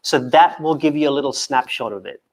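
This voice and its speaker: A man raised in Kenya, whose first language isn't English, joins a casual video call interview as a guest. He speaks at a fairly high pitch and a little fast, frequently repeating words and stuttering as he restarts.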